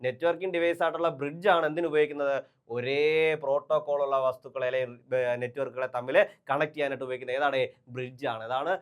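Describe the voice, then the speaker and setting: Fast-talking man quizzing students. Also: medium pitch, steady tone, smooth. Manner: keeps asking and answering his own quiz questions; repeats key terms over and over. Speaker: exam coaching teacher. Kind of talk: online exam-prep lesson.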